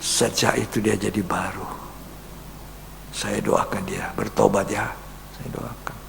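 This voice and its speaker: A male pastor, preaching a sermon as an earnest story, acting out dialogue and dropping to soft whispers. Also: fairly low pitch, big pitch swings, measured pace. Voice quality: gravelly. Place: church. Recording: long church reverb, faint hum.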